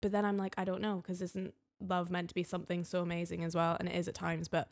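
A young woman with a Highland Scottish accent, chatting casually and candidly in a self-questioning way. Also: monotone, fast talker, creaky. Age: young adult. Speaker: podcast guest and flatmate of the host. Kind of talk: casual confessional chat about dating.

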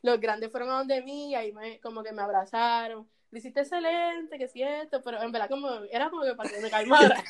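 A lively woman with a Puerto Rican accent tells a story in a relaxed chat. Her voice sits a bit high, and she breaks into laughter often as she talks. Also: fast, hardly any pauses. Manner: animated, laughing often while telling a story.

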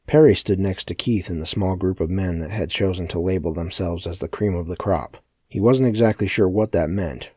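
A man narrating a story as an audiobook in a steady, matter-of-fact way. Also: low-pitched, husky, dry recording, clean studio sound. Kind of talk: scripted narration.

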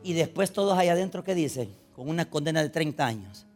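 A man delivers a sermon with a lively, wide-ranging voice that sits slightly high. He drives some lines hard and drops others to a low, confiding murmur. Soft music plays behind him. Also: fast. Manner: swings between loud urgent preaching and low confiding storytelling. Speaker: pastor.

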